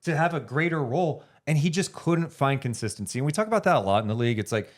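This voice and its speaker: A man's voice: medium pitch, animated. Joking man co-hosting a sports podcast. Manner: joking, then briskly running through facts. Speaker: podcast co-host. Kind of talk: casual sports chat.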